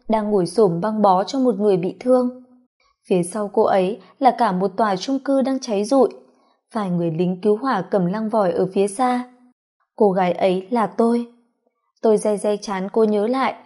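A woman narrating a first-person story in an expressive, scripted way. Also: mid-range voice, normal speed.

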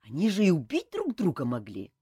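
Woman doing a grumpy commander guy, grumbling, husky low voice. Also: huge pitch swings, a little fast, mellow, no room sound, clean studio sound, full character voice. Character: grumbling guilty male commander.

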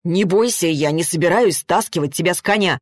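A woman voicing a passionate, insistent young man in an audiobook, speaking low, slow and coaxing. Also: dry recording, studio quality, close to an everyday voice. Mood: teasing.

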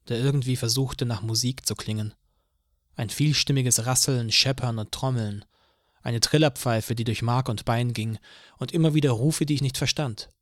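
A male audiobook narrator who tells the story in the first person, calm and measured. His voice sits at a middle pitch. The recording is dry and close, with no room sound. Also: dry recording.

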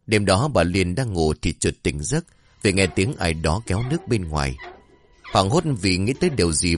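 A man narrating a horror story in a dramatic, expressive scripted reading. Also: low voice.

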